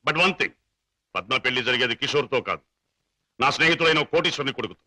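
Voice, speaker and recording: A man's voice: medium pitch, lively intonation, fairly quick, heavy background noise, close to an everyday voice. An actor playing a stern wealthy father who lectures scornfully against love and drops English phrases, heard over film music. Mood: firm. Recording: film soundtrack with music behind.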